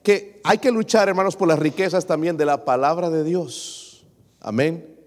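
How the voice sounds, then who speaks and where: A man's voice: a little high, moderate pace, a little mellow. A man preaching a sermon as pastor, addressing his congregation as brothers and putting questions to them. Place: church. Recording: long reverb of a hall.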